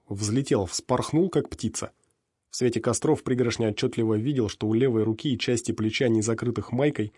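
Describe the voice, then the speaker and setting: A man reading audiobook narration in a steady, measured way. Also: lowish voice, slightly rough, no echo, studio quality. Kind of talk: scripted narration.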